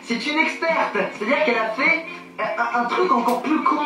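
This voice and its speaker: A man's voice: very high-pitched, normal speed. A young man giving playful, ironic vlog commentary. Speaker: youtuber. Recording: far-off, very echoey, loud music behind.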